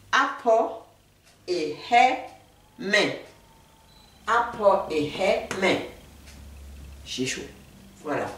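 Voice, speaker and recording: A woman giving a relaxed spoken language lesson, repeating each new word slowly and patiently. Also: on the low side, slight background noise. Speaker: language teacher. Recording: echoey room, mic at a distance.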